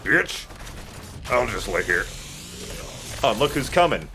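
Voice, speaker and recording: Game music plays behind a let's play host who offers casual, joking commentary and banter as he plays, swearing now and then. His mid-range voice is very animated and slow, and there is background noise.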